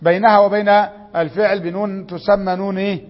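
A man's voice: sits high, fairly even intonation, quick pace, long reverb tail, muffled recording. A man with an Egyptian accent teaching a grammar lesson, prompting students with questions and reading rules aloud. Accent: Egyptian Arabic.

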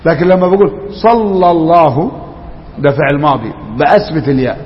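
Egyptian guy teaching grammar, keeps quizzing the class, bit high voice, muffled echoey room. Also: fairly quick, a little hiss or hum. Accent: Egyptian Arabic. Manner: asks students questions and repeats answers.

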